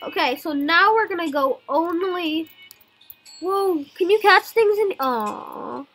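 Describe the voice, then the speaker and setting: A young-sounding gaming video host gives excited commentary full of exclamations, often repeating words, with game music behind him. The voice is very high and slow.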